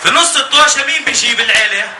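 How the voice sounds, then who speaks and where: A man with a Jordanian accent doing stand-up comedy as an animated, escalating rant, telling stories and acting out bits. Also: extremely high pitch, racing. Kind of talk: stand-up comedy about weddings. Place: live comedy show before an audience. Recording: echoey live venue, distant, noisy laughing crowd.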